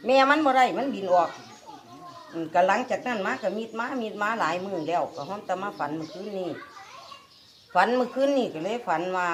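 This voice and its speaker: An older woman with an Isan accent telling a dream in a rambling way, repeating her words. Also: on the low side. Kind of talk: casual storytelling. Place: outdoors among a group of reporters.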